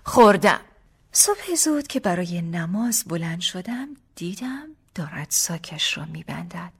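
Woman narrator, first-person audiobook, husky, breathy, intimate delivery. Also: fairly low pitch, big pitch swings.

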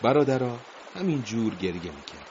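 A man's voice: on the low side, big pitch swings, background noise. A man narrating a dramatic story in a grave, emotive voice, in a dull lo-fi recording.

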